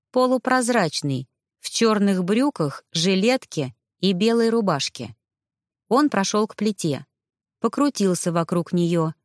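A woman reading a first-person fiction audiobook in an even, lightly dramatized storytelling manner. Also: medium pitch, no room sound, studio quality. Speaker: audiobook narrator.

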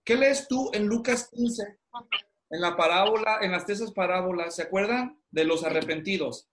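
High-voiced man teaching pastors. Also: normal speed, a bit bright, a little hiss or hum. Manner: questioning, drawing answers from students. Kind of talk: interactive online class. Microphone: video call. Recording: roomy echo.

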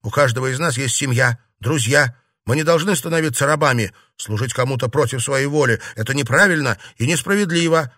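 A man voicing a bold, sharp-tongued teenage girl who talks back defiantly. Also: medium pitch, brisk, hardly any pauses, no echo, clean studio sound, pitched above the performer's own voice. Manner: defiant and cutting.

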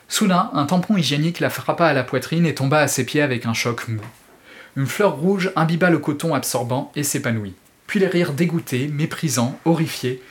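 A male podcast host reading a passage from a novel aloud in a steady, measured way. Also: fairly high pitch.

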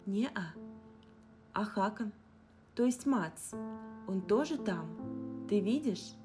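A woman's voice: mid-range voice, lively intonation, takes it slowly, a little mellow, pitched above the performer's own voice. Woman voicing anxious tearful Alisa. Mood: tearful hope. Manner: anxious, pleading, near tears. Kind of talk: audiobook character reading. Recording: guitar music underneath. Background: guitar music.

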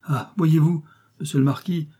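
A man's voice: mid-range voice, moderate pace, mellow, breathy edge, lightly acted. A man reading the part of a devoted, emotional farmer who speaks effusively to his master. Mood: overjoyed. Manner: tearful, effusive. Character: emotional devoted male farmer, loyal servant.

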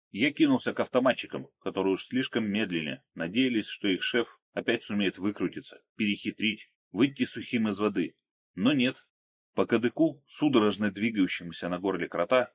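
Deep-voiced man reading an action audiobook. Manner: steady, measured, dramatic reading. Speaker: audiobook narrator. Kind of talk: dramatic audiobook narration.

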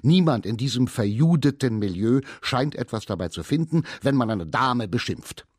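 A man voicing an angry young male actor with a rough, hushed voice in a radio reading. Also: medium pitch, animated, normal speed, no echo, studio quality. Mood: furious.

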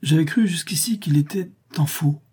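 A man's voice: fairly high pitch, moderate pace, darkish tone, husky, pitched above the performer's own voice. A man voicing a bewildered, timid middle-aged clerk who stammers and hesitates. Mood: flustered.

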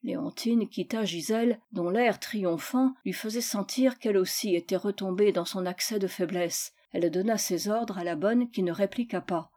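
A woman reading a classic children's novel aloud in a measured, expressive storytelling manner. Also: mid-range voice. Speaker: reader. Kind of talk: scripted narration.

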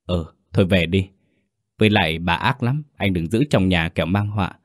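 A man voicing a sharp-tongued young woman teacher who speaks coldly and curtly. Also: sits low, moderate pace, no echo, studio quality, lightly acted. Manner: cold and curt.

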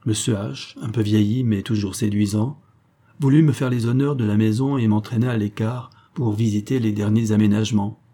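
A man narrates a literary novel in a calm, measured first-person reading. His voice sits fairly low and dark, with a husky grain. The delivery is reflective and unhurried. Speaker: audiobook narrator.

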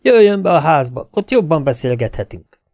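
A man's voice: a little high, big pitch swings, a little mellow, no echo, studio quality, pitched above the performer's own voice. A man voicing a proud, self-assured young male rancher in an audiobook. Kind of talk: audiobook dialogue.

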